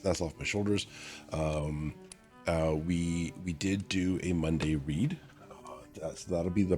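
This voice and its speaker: A man's voice: sits low, a little mellow. A young man chatting casually on his stream, tired and hiccuping, rambling and correcting himself as he goes.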